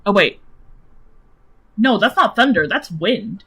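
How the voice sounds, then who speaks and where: A young woman streamer chatting casually about her characters, animated, swearing freely and laughing often. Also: mid-range voice, takes it slowly, husky.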